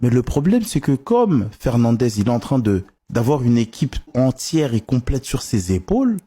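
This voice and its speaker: A young man chatting casually to his viewers, telling animated stories in street slang. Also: mid-range voice, normal speed, slightly rough. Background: music playing.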